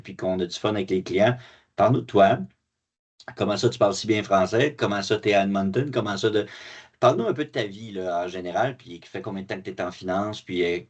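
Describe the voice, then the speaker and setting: A man's voice: sits low, darkish tone. A man with a Quebec French accent hosting an interview in a jovial, playful way, with many fillers, as a mortgage broker. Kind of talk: casual interview.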